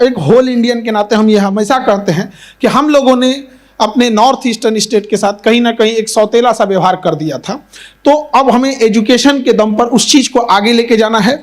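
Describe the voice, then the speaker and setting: A teacher giving an earnest motivational speech to students, repeating key points and mixing in English phrases. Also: male voice, high voice.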